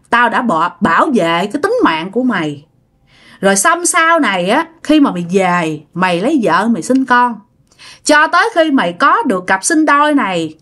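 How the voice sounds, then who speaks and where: A woman's voice: mid-range voice, fairly bright tone. A woman voicing the angry ghost of an old woman who scolds her nephew. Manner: scolding, accusing.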